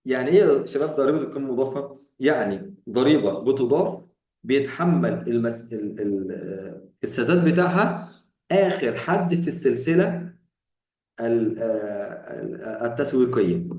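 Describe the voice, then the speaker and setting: A man's voice: mid-range voice, lively intonation, normal speed, warm tone, distant mic. Egyptian man teaching English, echoey room. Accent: Egyptian Arabic. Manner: explains English terms in colloquial Arabic, asks students rhetorical questions. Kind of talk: vocabulary lesson.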